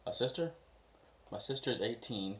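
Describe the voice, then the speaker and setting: A man's voice: mid-range voice, expressive, normal speed, fairly bright tone, echoey room, slight background noise. A man in his twenties answering questions about his life at home, hesitant and often correcting himself. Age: 20s. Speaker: husband being interviewed. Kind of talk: casual home interview. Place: home at night.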